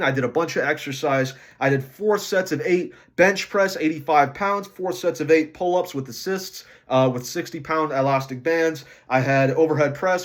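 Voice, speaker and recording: A young man with a slightly high voice chats through his daily weight-loss vlog. He talks casually and rattles off calories and protein in quick lists. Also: fairly bright tone. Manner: chatty, rattles off food numbers quickly. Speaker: vlogger tracking diet and weight loss.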